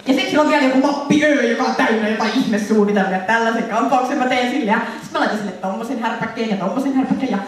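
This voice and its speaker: A young Finnish woman presenting a lively convention panel to an audience, laughing and acting out scenes in funny voices. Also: on the high side, few pauses. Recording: echoey hall, voice from far off, faint noise.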